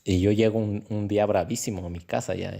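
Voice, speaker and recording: A man's voice: on the low side, a little fast, vocal fry. A young man, telling stories in a casual interview, laughing often and acting out other people's voices. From Ecuador. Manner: animated storyteller who acts out voices and laughs often. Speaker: interview guest.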